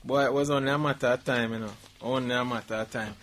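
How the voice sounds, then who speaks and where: Bright-voiced Jamaican man hosting chat. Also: medium pitch, fairly even intonation, fast. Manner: reads headlines then riffs with laughter, Jamaican Patois asides. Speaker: radio show host reading news stories. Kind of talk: casual comedic news banter.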